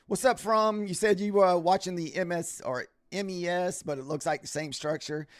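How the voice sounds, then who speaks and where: A man runs a live trading stream, talking casually with viewers in a rambling way, full of fillers and restarts. His high-sitting voice is fairly even and at normal speed, slightly scratchy after a week of talking. The studio sound is clean, with no room noise.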